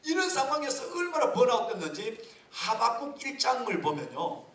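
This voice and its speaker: A man preaching a sermon as a pastor, lively and humorous, with many rhetorical questions. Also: very high voice, normal speed. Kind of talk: sermon at a leaders' retreat. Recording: echoey hall from far off.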